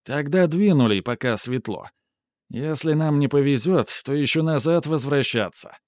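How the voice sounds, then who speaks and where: A man reading an audiobook, voicing a brisk, practical male raider who hurries the others along. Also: on the high side, lively intonation, a little mellow, dry recording, studio quality, voice pushed up, natural voice. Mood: urging.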